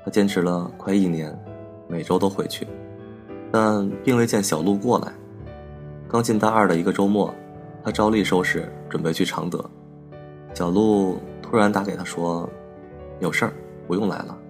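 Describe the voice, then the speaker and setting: Deep gravelly male storyteller. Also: moderate pace, pauses often, faint music behind. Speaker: storytelling podcast host. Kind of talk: reflective story narration.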